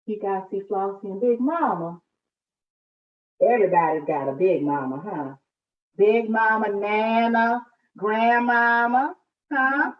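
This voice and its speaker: A woman of medium pitch speaks slowly as she chats with families during a live children's storytime she hosts from home by video call. An echoey room and a distant, muffled microphone color the recording.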